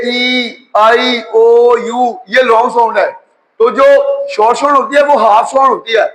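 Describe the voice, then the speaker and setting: A man. His tone is bright and forceful. He goes slowly, repeating each word and spelling it out letter by letter. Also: very high-pitched, rough recording. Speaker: English teacher. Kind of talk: spoken grammar lecture.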